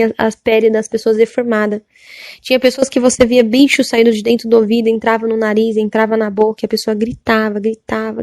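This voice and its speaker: Woman, church testimony, halting emphatic retelling, fairly high voice, dry sound. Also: a little mellow, no echo. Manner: halting, repetitive, emphatic storytelling. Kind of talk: religious testimony.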